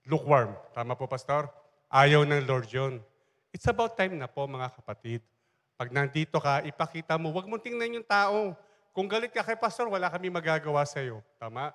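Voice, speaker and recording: A man's voice: fairly high pitch, expressive, moderate pace, fairly bright tone, in a large hall. A man giving an impassioned sermon interjection, emphatic and asking the congregation for amens. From Philippines. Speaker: church leader interjecting. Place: church hall.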